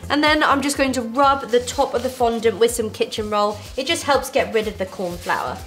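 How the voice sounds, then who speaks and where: A woman's voice: a little high, normal speed, a bit bright, soft background music. A young woman, hosting a baking tutorial from her home kitchen and giving friendly, reassuring step-by-step instructions. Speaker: baking show host. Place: home kitchen with fairy lights.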